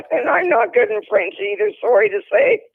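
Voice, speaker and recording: A man voicing a chirpy, agreeable woman sidekick who answers him in a giggly falsetto. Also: big pitch swings, normal speed, gravelly, breathy edge, dry recording, full character voice. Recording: tinny phone-like sound.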